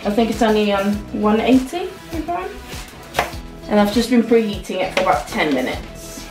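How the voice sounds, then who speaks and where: A young woman, a cooking vlogger, talks through a recipe while she cooks in her home kitchen, caught on the camera mic with music playing behind her. Her mid-range voice is very animated and moves at a moderate pace. It's a casual, chatty walkthrough, hesitant and full of ums.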